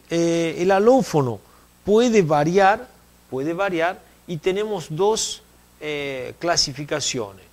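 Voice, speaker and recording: Explanatory man lecturing on phonology. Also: a little high. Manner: explanatory, repeats key terms, checks understanding with "¿eh?". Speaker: university Spanish lecturer. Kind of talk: recorded distance-learning lecture.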